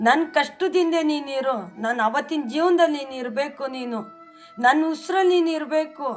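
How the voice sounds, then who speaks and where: A woman's voice: sits high, moderate pace, soft background music. Pleading woman in fervent prayer. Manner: pleading, fervent, speaks straight to the deity. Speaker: devotional channel host. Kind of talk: heartfelt spoken prayer.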